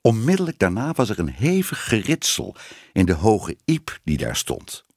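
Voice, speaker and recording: A man's voice: fairly low pitch, huge pitch swings, normal speed, a little mellow, dry recording, studio quality. A man reading a children's story aloud as narrator, voicing the characters expressively.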